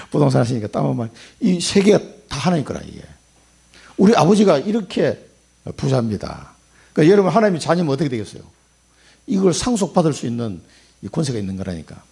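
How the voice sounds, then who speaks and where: A male pastor preaching a sermon dramatically, acting out quoted voices and swinging between loud bursts and hushed asides. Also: a little high, creaky, husky.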